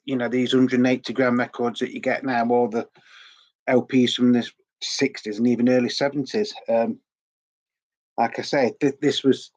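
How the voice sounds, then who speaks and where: A middle-aged man, sore throat and all, hosts a laid-back record collecting vlog where he rambles and keeps repeating words. He talks at a moderate pace in a medium-pitched, flat voice with a darkish tone.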